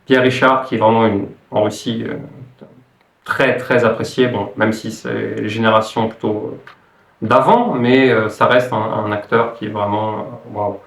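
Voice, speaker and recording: A man's voice: fairly low pitch, steady tone, a little slow, creaky, far from the mic. A man hosting an informal language lesson, explaining hesitantly as he thinks aloud. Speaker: host, language teacher. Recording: echoey room.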